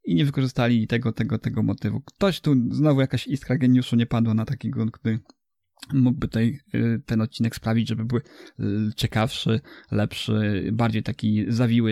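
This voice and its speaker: A man with a gravelly, creaky voice and a soft, dark tone talks through films as a co-host. He is wordy and hesitant, analysing as he goes, in a close, dry sound. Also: on the low side, level tone, moderate pace, dry recording. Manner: hesitant, wordy, often tags phrases with 'prawda'. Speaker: film and TV discussion co-host. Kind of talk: casual analytical discussion.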